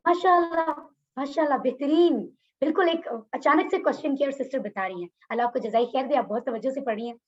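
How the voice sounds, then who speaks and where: A woman's voice: high-pitched, fast, muffled recording. A woman teaching a Quran class over a video call, explaining words patiently and asking her students questions. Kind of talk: online class lecture.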